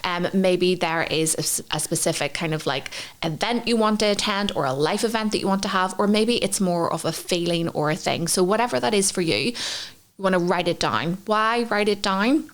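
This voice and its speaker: A woman's voice: on the low side, normal speed. A woman with a Northern Irish accent co-hosting a podcast, explaining a framework step by step in an earnest, encouraging way. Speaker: podcast co-host. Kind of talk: conversational podcast teaching.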